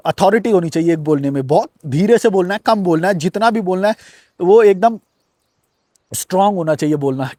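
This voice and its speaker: Brief: male host, high voice, quick nonstop delivery of motivational points, dry close recording. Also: darkish tone, dry recording. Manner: rapid, unbroken flow of points, addresses viewer directly. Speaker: self-help video host. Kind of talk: fast-paced motivational talk to camera. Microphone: recording to camera on a device.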